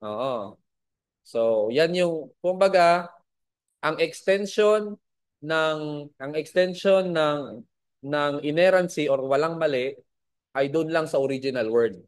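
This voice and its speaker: A man's voice: on the high side, animated, takes it slowly, pauses often, clean tone. A man teaching a Bible school lesson to a class, spelling out words and asking his students questions.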